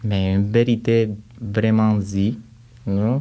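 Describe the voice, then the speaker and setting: Low warm-voiced man with a Cuban accent. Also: flat delivery, slow pace. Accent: Cuban Spanish. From Cuba. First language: Spanish. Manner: thoughtful, searching for words with frequent restarts. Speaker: guest composer and choir director. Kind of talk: casual interview conversation. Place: recording studio.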